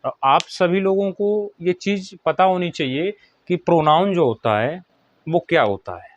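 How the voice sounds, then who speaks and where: A man teaching a grammar lesson to children, who asks a question and then answers it himself, and slows right down to dictate definitions. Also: high voice, dull audio.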